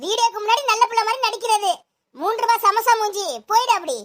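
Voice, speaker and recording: A woman playing a sharp-tongued mother-in-law who scolds and hurls insults at her daughter-in-law in a comedy sketch. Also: very high-pitched, quick pace. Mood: scolding. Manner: scolding, name-calling.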